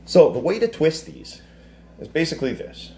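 A man in his fifties teaching a casual cooking demonstration in a home kitchen, explaining each step in a relaxed, chatty way. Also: fairly high pitch, moderate pace, a little hiss or hum. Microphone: camera across the counter.

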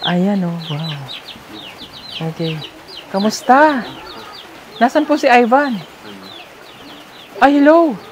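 A woman's voice: fairly high pitch, very animated, slow, long pauses, slight background noise. Chatty, coaxing woman vlogger. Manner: coaxing, teasing, lots of questions. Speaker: vlogger visiting a sponsored child. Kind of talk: casual vlog chat. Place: at a rural family home.

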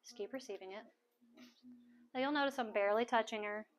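Soft-spoken woman minister praying over people. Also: on the high side, brisk. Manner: soft-spoken, coaxing prayers, repeats phrases. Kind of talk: prayer ministry at a house meeting. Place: large living room full of people.

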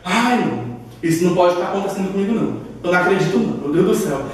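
A woman's voice: fairly low pitch, rapid-fire, natural voice. A woman voicing a naughty, scared little boy who pleads and frets frantically. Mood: panicked. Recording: echoey room, far from mic, faint music.

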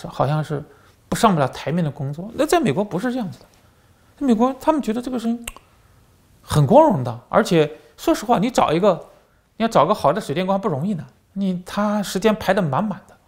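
A man's voice: high voice, sing-song, fast. A man hosting a commentary channel, telling stories animatedly with lots of fillers and repeated words. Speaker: channel host and former journalist. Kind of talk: political commentary monologue.

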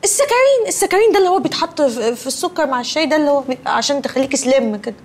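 A woman's voice: high-pitched, expressive, racing. An actress playing a pushy, talkative young woman with an Egyptian accent who wheedles for favors, in a film comedy. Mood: wheedling.

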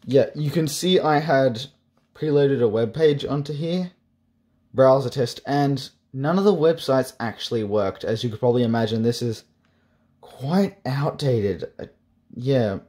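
A man's voice: medium pitch, measured pace, a little mellow. A young man casually reviewing an old device, with sarcastic jokes and offhand asides. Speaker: tech reviewer. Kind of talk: casual tech review vlog.

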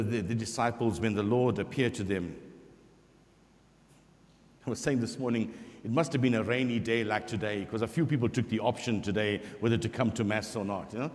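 A middle-aged parish priest with a mid-range male voice preaches a sermon before the altar of a large, reverberant church. He preaches expressively, voicing scripture quotes and using slow, emphatic pauses.

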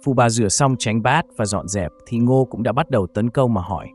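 A man narrating a scripted horror story in a steady storytelling delivery. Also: mid-range voice, fairly quick, soft background music.

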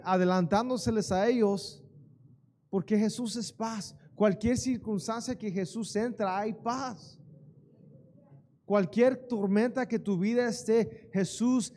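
A pastor preaching a sermon in church, calling out questions for the congregation to answer. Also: male voice, sits high, darkish tone, a little hiss or hum. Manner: preaching with call-and-response to the congregation. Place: church sanctuary.

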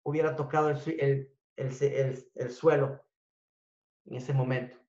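A man giving a motivational talk to an audience, telling a story in an animated way that swings between loud and hushed. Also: mid-range voice, unhurried. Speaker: speaker at a business talk. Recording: echoey room, dull lo-fi sound.

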